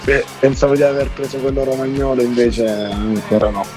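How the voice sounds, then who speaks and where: A man's voice: medium pitch, monotone, fairly quick. A young man with a southern Italian accent from Puglia, chatting casually as a club DJ guest, with brief, repetitive and hesitant answers. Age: young adult. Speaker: club DJ and music producer, radio guest. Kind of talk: casual interview chat. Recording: background music, remote link.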